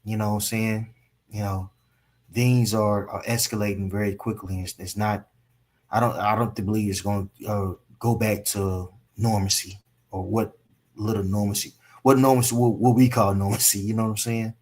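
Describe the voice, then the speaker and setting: A man's voice: lowish voice, steady tone, moderate pace, a little mellow. A man in casual political chat, rambling with lots of fillers and laid-back slang.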